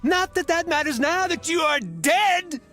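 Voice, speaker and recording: A man's voice: very high-pitched, lively intonation, measured pace, loud music behind the voice. An actor playing a bitter, sarcastic male antique dealer in a game, scolding and mocking.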